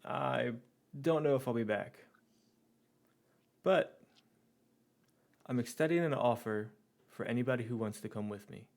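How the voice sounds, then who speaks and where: A man's voice: mid-range voice, measured pace, creaky, pauses often, darkish tone. A man voicing a confident male gang leader addressing his crew, blunt and wry, in tabletop role-play. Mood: self-assured.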